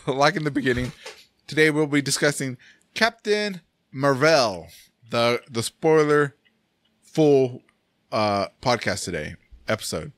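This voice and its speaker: A man hosts a loose, casual podcast, laughing often and tripping over his words. His voice is mid-pitched. It sounds close and dry. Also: expressive, slow pace, pauses often, fairly bright tone, no room sound. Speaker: podcast host. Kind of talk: casual chat.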